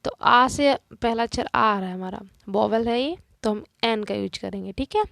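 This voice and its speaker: A woman's voice: fairly high pitch, moderate pace, gravelly, fairly bright tone, dry recording. A woman teacher working through a grammar lesson, explaining each answer step by step and asking and answering her own questions.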